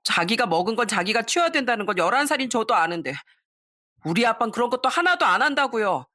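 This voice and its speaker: A woman's voice: on the high side, big pitch swings, fast, pushed and bright, pitched above the performer's own voice, full character voice. A woman voicing a defiant eleven-year-old boy who speaks up in a pointed, reproachful way.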